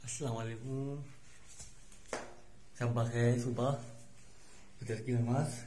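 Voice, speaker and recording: A man's voice: mid-range voice, steady tone, slow, warm tone, echoey room, a little hiss or hum. A man giving a short greeting at home.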